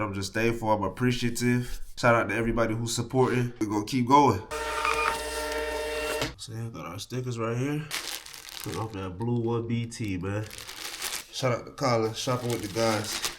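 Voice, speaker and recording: A man's voice: mid-range voice, a bit bright, slight background noise. A young man from Miami vlogging casually from his home office, congested and nasal from a cold, talking in laid-back slang with motivational asides. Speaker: clothing brand co-owner. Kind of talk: casual vlog talk to camera.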